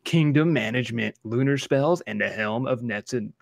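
Foul-mouthed joking gamer host. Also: male voice, medium pitch, normal speed, creaky. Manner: swears a lot, jokey, reads lore aloud with mock drama. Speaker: podcast co-host. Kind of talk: casual gaming podcast chat.

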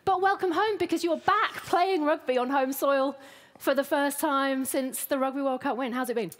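A woman's voice: high-pitched, moderate pace. A woman, hosting an event and interviewing a guest on stage. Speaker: host, interviewer. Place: large theatre stage. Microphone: headset.

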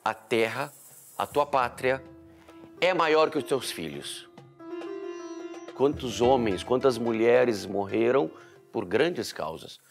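A man's voice: mid-range voice, slow, vocal fry, long pauses, soft background music. A Brazilian man in his fifties speaking earnestly about family and homeland in a documentary interview at home. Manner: earnest and heartfelt. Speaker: entrepreneur and law student. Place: living room at home, indoors.

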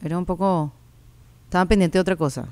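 Female podcast guest, bantering and quick to laugh. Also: on the low side, fairly even intonation, warm tone. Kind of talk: casual chat.

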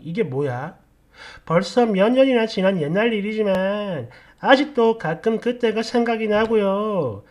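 A woman telling a story in a casual, blunt and sarcastic way, with an animated delivery. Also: fairly high pitch.

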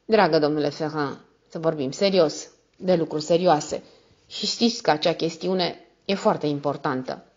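A woman's voice: low-pitched, dull audio. A woman reading the part of an elegant young male viscount who pleads urgently. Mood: pleading.

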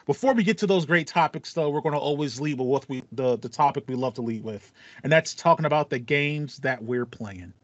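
Brisk and barely pausing, a mid-range American man in his thirties chats playfully and in slang as co-host of a casual gaming podcast. He records indoors in a small home room lined with acoustic foam, and the sound comes out dry and slightly dull.

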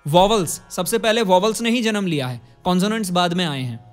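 A man's voice: high-pitched, brisk, soft background music. A man teaching a singing lesson, explaining step by step and chanting vowel drills for his students to repeat. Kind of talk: vocal lesson.

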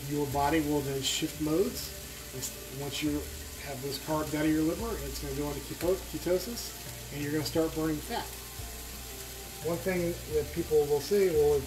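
A man's voice: a little high, poor audio. A man hosting a home cooking video, chatting casually with many fillers and restarts. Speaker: cooking channel host.

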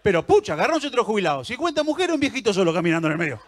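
Lively Argentine man joking with a crowd. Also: high voice, racing. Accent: Argentine Rioplatense Spanish. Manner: teasing, chatty, talks to the audience. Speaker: stand-up comedian. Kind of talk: live stand-up comedy. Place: theater stage before a live audience.

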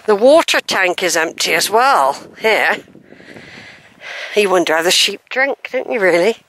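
Here the older walking vlogger moves at a measured pace, her mid-range voice fairly bright with lively intonation. She chats to camera across open hills, wandering off into asides and correcting herself, recorded on a handheld camera mic as she walks.

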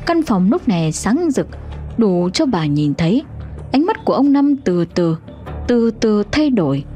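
Lively suspenseful woman storyteller. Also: mid-range voice. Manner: dramatic, suspenseful. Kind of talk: scripted horror narration.

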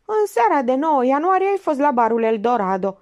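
A woman reading a storybook plays a sharp older lady who sleuths as an amateur, jabbing sarcastically and mockingly at a suspect. The voice is high and darkish in tone, with big swings in pitch.

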